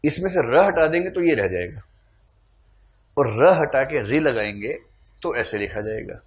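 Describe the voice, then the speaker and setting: A man's voice: medium pitch, animated, a little slow. A man teaching a classroom lecture, playfully quizzing his students and calling on them to answer.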